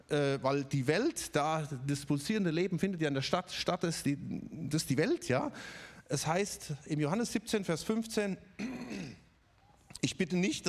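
A man from the Stuttgart region preaching a conversational sermon, with many fillers and little tag questions. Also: fairly high pitch. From Ludwigsburg area, Germany.

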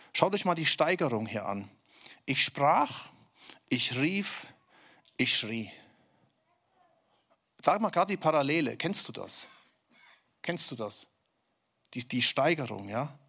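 A man preaching a sermon in a conversational way, asking listeners direct questions and dropping low and slow for emphasis. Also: a bit bright.

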